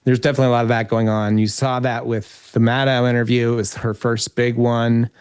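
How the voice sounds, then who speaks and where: A man's voice: mid-range voice, little pitch movement, a little fast, darkish tone, clean tone, no room sound. A man speaking as an interview guest, giving conversational political analysis.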